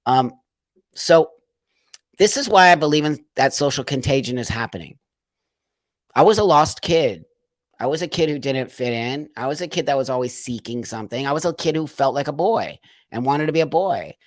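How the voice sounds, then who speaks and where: A man's voice: medium pitch, expressive, moderate pace, no echo, clean studio sound. A man hosting a casual live stream, reading out viewer comments and answering them in an emphatic, emotional way, often repeating phrases for stress.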